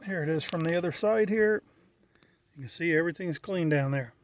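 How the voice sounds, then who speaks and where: Speaking briskly in a fairly high voice, a middle-aged American man presents a hobby walkthrough off the cuff. His delivery stays plain and matter-of-fact throughout.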